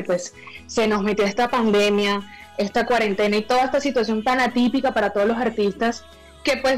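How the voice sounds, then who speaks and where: Effusive coastal Colombian woman, higher-pitched voice. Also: rough recording. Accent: coastal Colombian, Barranquilla. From Barranquilla, Colombia. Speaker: singer, interview guest. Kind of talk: casual interview chat.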